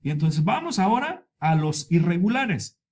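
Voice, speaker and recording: A male Spanish teacher explaining verb endings at a board, patient and repetitive, stretching example words out slowly for learners. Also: high-pitched, very animated, a little mellow.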